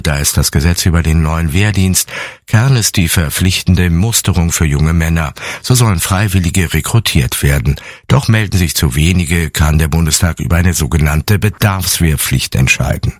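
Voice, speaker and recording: A man's voice: low voice, dry recording, studio quality. A man from the news desk delivering a news report. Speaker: news editor.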